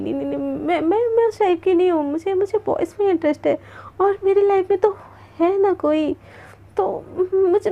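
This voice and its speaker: A shy, flustered college girl, as a woman narrator plays her stumbles over her words and repeats herself. Her voice sits high and soft, with a mellow, dark tone. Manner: stammering, nervous repeats.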